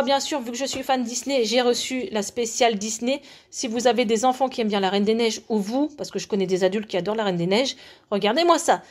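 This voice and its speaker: A woman in her forties from France talks her viewers through a shopping haul in a relaxed, chatty way. Her voice sits a little high, and she pauses often with small fillers as she holds things up. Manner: chatty, shows products to camera with many fillers. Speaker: vlogger. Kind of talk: casual haul vlog.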